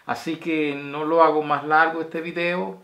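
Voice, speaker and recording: A man's voice: on the high side, flat delivery, unhurried, fairly bright tone. A man, talking casually and affectionately to his viewers in a video message, rambling and sending blessings from a small room at home. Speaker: vlogger. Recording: roomy echo.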